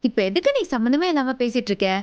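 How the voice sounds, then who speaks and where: An actress playing a sharp-tongued, suspicious wife in a TV serial. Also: female voice, high voice, big pitch swings, quick pace, smooth, no room sound, dull audio. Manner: scolding, suspicious. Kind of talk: TV serial acting.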